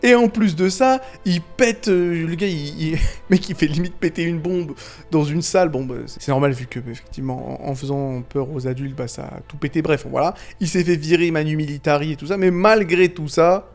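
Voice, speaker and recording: A man giving casual, rambling video commentary on animated films, full of fillers, restarts, slang and chuckles. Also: fairly high pitch, fairly quick, soft background music. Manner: slangy and irreverent. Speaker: YouTube film commentator.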